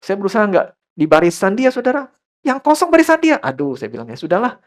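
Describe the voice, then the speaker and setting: A man's voice: very high-pitched, wildly swooping pitch, fast talker. A male pastor preaching a church sermon as a story, often turning to his listeners and dropping English phrases into his talk. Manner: storytelling, often addressing listeners as brothers and sisters.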